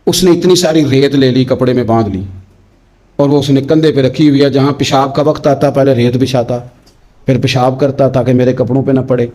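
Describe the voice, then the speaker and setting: A middle-aged male preacher giving a sermon in pleading, repetitive refrains, his voice climbing high in rhetorical runs and dropping low and soft. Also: steady tone. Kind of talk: Urdu sermon.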